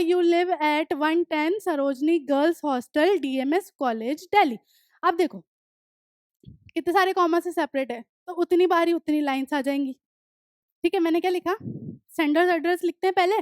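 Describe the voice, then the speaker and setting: A young woman teaching English letter writing in an online lesson, explaining each step in Hindi and reading the model sentences slowly with an Indian accent. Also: very high voice, darkish tone, no room sound, studio quality.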